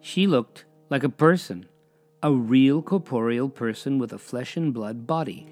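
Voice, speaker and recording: A man narrating a history story in a measured, dramatic way, with pauses, dropping to a hush on eerie details. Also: mid-range voice, faint music behind.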